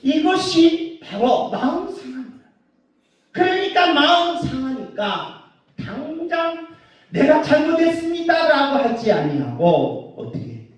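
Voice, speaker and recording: A male pastor preaching a sermon in an animated way, joking and scolding with rhetorical questions. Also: very high-pitched, takes it slowly. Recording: roomy dull sound from far off.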